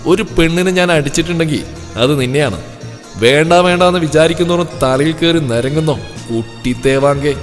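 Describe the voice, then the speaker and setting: A man voicing a blunt, hot-tempered young village man who teases and scolds loudly. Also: fairly high pitch, fairly quick, voice pushed up, close to an everyday voice. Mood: angry. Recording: long reverb with soft music.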